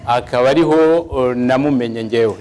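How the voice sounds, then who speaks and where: A man's voice: mid-range voice, a little mellow. Man interpreting in a reverberant hall. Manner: rapid phrase-by-phrase interpreting with hesitations. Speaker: church interpreter. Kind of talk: live sermon interpreting.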